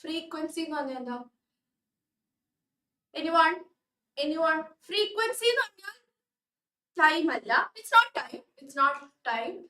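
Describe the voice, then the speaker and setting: A woman's voice: very high-pitched, animated, slow, long pauses, bright, forceful tone, echoey room, recorded from a distance, a little hiss or hum. A young woman tutor with a Malayali English accent, teaching a live online class and often checking that students follow. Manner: coaxing, checks understanding often.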